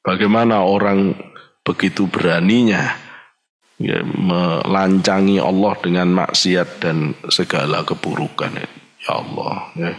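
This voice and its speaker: Emphatic Javanese-accented preacher man. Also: steady tone. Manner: emphatic, scolding and blunt, often jumping high in pitch; mixes in Arabic recitation with slow chanted delivery. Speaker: kyai, religious teacher. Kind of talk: Islamic study sermon.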